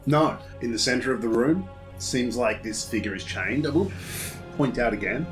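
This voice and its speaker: A man's voice: medium pitch, normal speed. A man acting as game master, casually narrating a tabletop role-playing game. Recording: loud music under the voice. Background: music.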